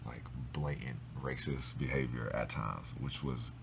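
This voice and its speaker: A man talking as a guest in a relaxed, casual conversation, slangy and swearing freely. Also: extremely low pitch, a little slow, creaky, slight background noise. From Los Angeles area.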